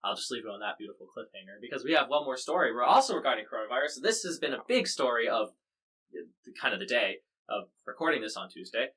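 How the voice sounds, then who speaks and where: A man's voice: medium pitch, animated, fast, bright, forceful tone, husky, rough recording. An American man hosting a podcast, covering the news in casual, wry chat full of fillers and restarts. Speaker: podcast host.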